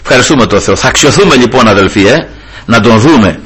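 Man, preacher, fervent sermon, husky, very lively pitch. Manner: fervent, repeats praise refrains and addresses the brethren.

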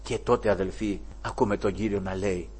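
A man preaching a sermon. He calls his listeners "brothers" and keeps coming back to praise of the Lord. He swings between loud raised exclamations and hushed, low asides. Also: fairly even intonation, husky. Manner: repeats "brothers" and "glory to the Lord" as refrains.

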